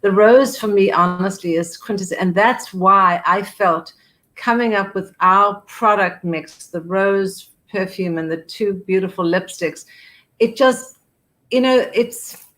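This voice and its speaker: A woman's voice: mid-range voice, unhurried, a bit bright, rough recording. A woman perfumer talks casually and effusively, heaping praise on her scents. She often restarts her sentences and repeats words as she goes. Her voice sits in an ordinary middle range. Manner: effusive, piles on words like beautiful and gorgeous; frequent restarts and repetitions. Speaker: perfumer and fragrance brand founder. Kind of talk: casual online event chat.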